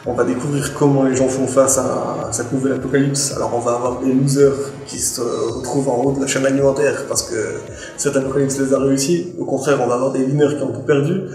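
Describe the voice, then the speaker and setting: A man's voice: mid-range voice, fairly even intonation, a little fast, darkish tone. A man giving a casual, joking book review to camera as a library's manga specialist, often restarting his sentences. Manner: chatty and joking, with frequent restarts. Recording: echoey room with faint music.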